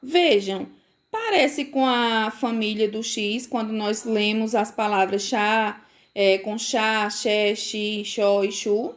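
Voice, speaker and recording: A woman from Brazil who teaches young children, giving a recorded phonics lesson, sounding out words slowly and checking often that the children follow. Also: mid-range voice, fairly even intonation. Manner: slow, careful pronunciation with frequent checks for understanding. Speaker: primary school teacher.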